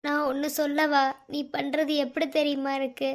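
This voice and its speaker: A woman's voice: sits high, flat delivery, normal speed. A woman voicing a pleading young lover. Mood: tender tearful. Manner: urgent, insistent, pleading. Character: young man pleading with the girl he loves. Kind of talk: cartoon love-story voice acting.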